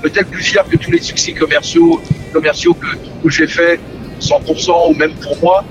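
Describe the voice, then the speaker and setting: A man's voice: a little high, steady tone, moderate pace, rough recording. A middle-aged man, a musician, talks about his career and family in an interview, often stumbling and repeating words. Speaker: musician guest. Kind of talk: relaxed interview talk. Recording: music playing behind the voice.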